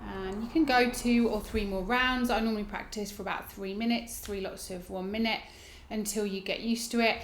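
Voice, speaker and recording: A woman teaching a yoga breathing technique, explaining it informally and guiding gently with soft phrase endings. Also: mid-range voice, steady tone, normal speed, slight background noise. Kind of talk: instructional demonstration, casual explaining. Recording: roomy, echoing indoor sound.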